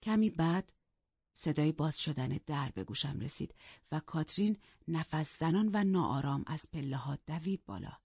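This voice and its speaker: A woman narrates a classic novel in the first person, measured and steady. Her voice sits low and husky, and the recording is close and dry with a slightly dull, lo-fi sound. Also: no room sound. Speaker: audiobook narrator. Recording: dull, dry lo-fi studio audio.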